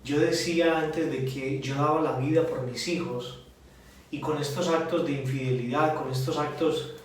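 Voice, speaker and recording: A man with a Colombian Caribbean accent giving a halting, heartfelt personal testimony, with many restarts. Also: a little high, fairly even intonation. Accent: Colombian Caribbean Spanish. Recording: echoey room, voice from a distance, faint noise.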